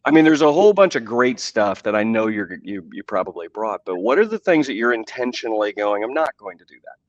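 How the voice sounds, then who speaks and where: A man's voice: fairly low pitch, big pitch swings, brisk, dry recording, dull audio. A man hosting an interview, joking around and asking long, winding questions. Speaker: podcast host. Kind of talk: conversational interview.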